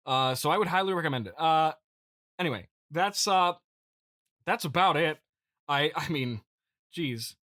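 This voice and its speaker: Reading listener feedback aloud, a man on a podcast riffs in an improvised comedic monologue, pretending to be earnestly aggrieved. His bright, forceful, fairly high voice has lively intonation, though he stumbles, restarts, and repeats words. The sound is dry and close-miked with little room to it.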